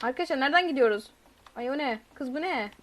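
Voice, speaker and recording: A woman's voice: high-pitched, animated, quick pace, fairly bright tone. A woman streaming a game live, chatting with viewers, reading their messages aloud and shrieking when chased. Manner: reads chat messages aloud. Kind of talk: live gameplay commentary.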